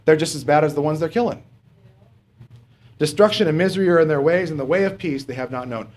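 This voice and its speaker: A middle-aged man, his voice a little high and a little mellow, preaches a sermon plainly and haltingly. He lingers on fillers and keeps asking rhetorical questions.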